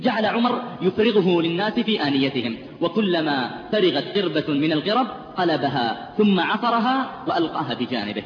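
Man, preacher, high voice, fervent sermon storytelling, roomy echo, muffled lo-fi sound. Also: big pitch swings, a little fast. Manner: builds to fervent, tearful-sounding intensity. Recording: echoey hall, dull lo-fi sound, faint hiss.

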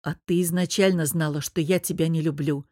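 A woman's voice: deep voice, fairly even intonation, a little fast, mellow, no room sound, clean studio sound. A woman reading an audiobook who voices a stern young man with a cold, clipped, growling manner.

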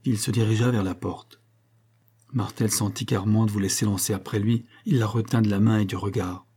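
A male audiobook reader narrating a classic novel at a measured pace. His voice is low and dark, with a husky, slightly breathy texture. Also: fairly even intonation.

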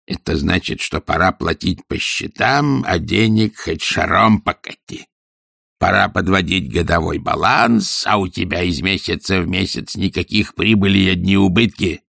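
A man voicing a grumpy old miser who growls his scornful retorts in a low, half-whispered mutter. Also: gravelly, a bit bright, no echo, studio quality, heavily acted.

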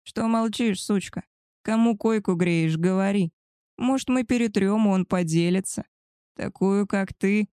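A woman's voice: mid-range voice, a little slow, warm tone, dry recording, clean studio sound, close to an everyday voice. A woman voicing a rude, boastful young male werewolf who talks in a crude, taunting way.

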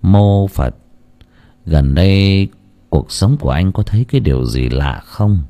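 A man's voice: deep voice, expressive, mellow. A man doing a solemn Buddhist monk. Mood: probing. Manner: solemn, measured chanting tone.

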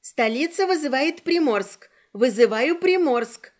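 A woman's voice: sits high, expressive, a little slow. A woman voicing a brash, irritated young female dispatcher calling over a magic signal circle, bossy and snappy. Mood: bossy, annoyed. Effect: voice through a magic signal circle.

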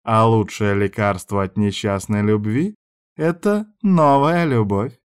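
A man voicing a stern, bossy older noblewoman who scolds and commands in a brisk way. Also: medium pitch, clear, resonant tone, natural voice.

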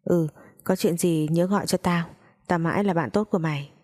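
A woman's voice: on the low side, a little fast, darkish tone, natural voice. A woman doing a sly, sweet-talking young friend. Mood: caring. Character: two-faced young woman friend, scheming.

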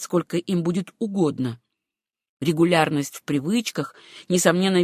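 A woman reading an audiobook aloud in a measured, expressive manner. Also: on the low side, no room sound, studio quality. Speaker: narrator.

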